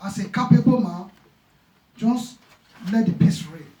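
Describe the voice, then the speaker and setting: Impassioned pastor in an echoey hall. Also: male voice, high voice, measured pace, warm tone. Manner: impassioned, repeats phrases, retells dialogue. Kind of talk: preaching a sermon. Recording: echoey church room, mic far off.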